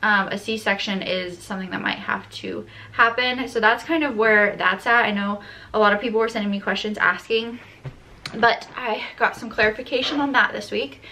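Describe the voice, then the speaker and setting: A woman's voice: medium pitch, moderate pace, sharp tone, slight background noise. A young woman vlogging a casual pregnancy update from home to a camera on a tripod, a little short of breath and chatty, with many ums and likes.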